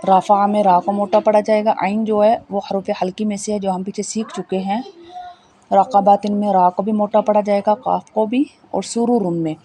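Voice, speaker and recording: A woman's voice: mid-range voice, little pitch movement, warm tone. Patient woman teaching Quran letter sounds. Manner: slow, patient, repeats each point. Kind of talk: Tajweed lesson, spelling out letters and explaining pronunciation.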